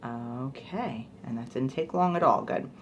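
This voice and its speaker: A woman's voice: rumbling low, measured pace, slight background noise. A young woman chatting casually through a product review, rambling with fillers like "like" and "you know". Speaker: beauty vlogger.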